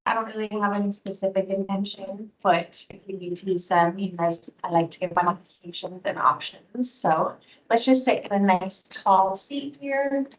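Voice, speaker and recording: A woman yoga instructor leading a restorative class in a soothing, gently encouraging manner. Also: medium pitch, moderate pace, poor audio.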